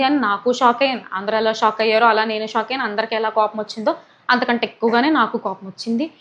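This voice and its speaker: A woman's voice: a little high, lo-fi sound. A young woman explaining her side of a family dispute in an indignant, emphatic way, full of rhetorical questions. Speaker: vlogger giving a personal statement. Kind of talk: emotional personal explanation to camera.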